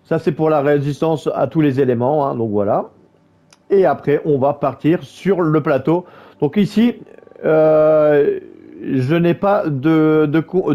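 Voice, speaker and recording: Male gaming YouTuber, casual guide voice-over, lots of fillers, mellow tone, muffled lo-fi sound. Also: a little high. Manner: halting, many fillers and restarts.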